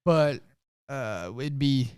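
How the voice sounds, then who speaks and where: Male podcast co-host, mellow tone, dry sound, halting delivery with many fillers. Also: mid-range voice, animated, clear, resonant tone, no echo. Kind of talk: casual theology discussion.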